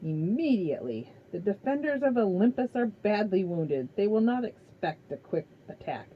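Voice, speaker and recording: A woman's voice: medium pitch, very animated, normal speed, dull audio, close to an everyday voice. A woman doing a menacing Titan lord. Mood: commanding. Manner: commanding, hissing threats.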